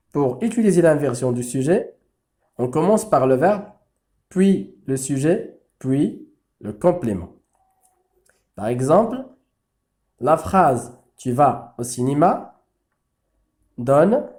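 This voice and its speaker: A man with Arabic as his first language, teaching a French grammar lesson slowly and deliberately. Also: a little high, a little mellow. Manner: slow, deliberate explaining with drawn-out examples.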